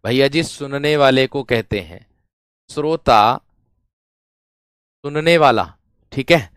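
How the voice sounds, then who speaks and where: A male teacher who talks very slowly and drills every phrase, repeating words until they sink in. His voice is smooth and clear, recorded close in a dry room with no echo. He keeps calling his students friends. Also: mid-range voice. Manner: repetitive, drills each phrase over and over; addresses students warmly as friends and brave ones. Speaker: Hindi teacher. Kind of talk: classroom grammar lesson.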